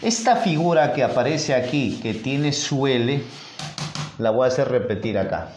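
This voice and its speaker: A math teacher with a Peruvian Spanish accent reviews geometry at a whiteboard, playful and coaxing with his students. His mid-range voice is expressive and a little mellow, at normal speed, and the recording has roomy, echoey sound with a little hiss or hum.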